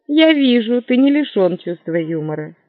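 A man's voice: very high voice, very animated, moderate pace, dry recording, voice pushed up. A man putting on a curt, mocking young barmaid. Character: sharp-tongued young tavern barmaid. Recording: dry, tinny narrow-band audio.

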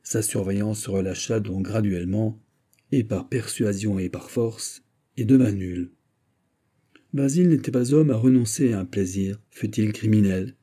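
Husky, dark-voiced male audiobook narrator. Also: on the low side. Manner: measured, steady literary reading. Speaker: audiobook reader. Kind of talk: scripted narration of a literary story.

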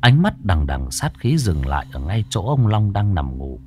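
Lively low-voiced male ghost storyteller. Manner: measured, dramatic storytelling.

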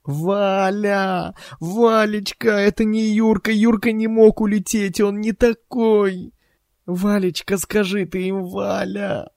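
A man's voice: high voice, level tone, slow, darkish tone, no room sound, pitched above the performer's own voice. A man voicing a terrified, hysterical wife who wails and pleads, with a dry sound. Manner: wailing, pleading. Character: hysterical wailing young woman, terrified wife.

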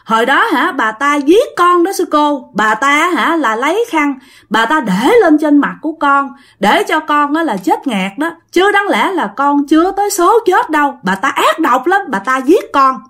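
A woman's voice: sits high, animated, moderate pace, fairly bright tone, voice pushed up. A woman voicing the wailing ghost of a murdered small child who is pleading and accusing, in a Southern Vietnamese accent. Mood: bitter accusing.

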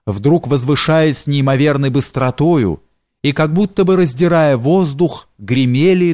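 A man narrating a literary audiobook in a measured, expressive storytelling manner. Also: fairly high pitch, dry recording, clean studio sound.

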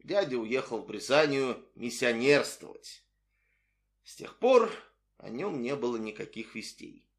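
A man reading a novel aloud in expressive storytelling narration. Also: mid-range voice, unhurried. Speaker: audiobook narrator. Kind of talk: scripted narration.

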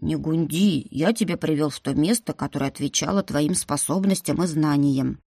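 Woman narrator as a nervous male guardian spirit: low, mumbling, husky audiobook voice. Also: moderate pace, dark tone, dry recording, studio quality, heavily acted.

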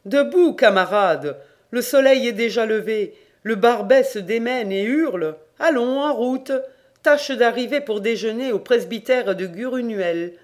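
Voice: mid-range voice, lively intonation, measured pace, voice pushed up, natural voice. An audiobook reader voicing a kindly, hospitable older priest, reading his lines in a coaxing, firm way.

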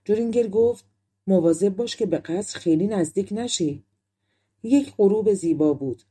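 Woman narrating a fairy tale, dark and mellow. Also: mid-range voice. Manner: calm storytelling in colloquial spoken forms. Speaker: audiobook narrator. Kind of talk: storybook narration.

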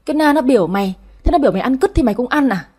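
A woman voicing a quick-tempered older mistress of the house who scolds harshly and fast, in a storybook reading. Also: sits high, lively intonation, mellow, slightly rough. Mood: scolding. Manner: scolding, harsh, rapid-fire.

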